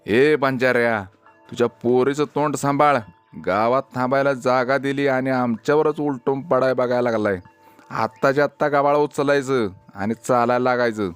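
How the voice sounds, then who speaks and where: A hostile village man, voiced by a male storyteller, scolding angrily. The voice is smooth and resonant at a middle pitch, and faint music plays behind it in this spoken tale. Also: fairly even intonation, moderate pace, dry recording, close to an everyday voice. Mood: angry. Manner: scolding, shouting.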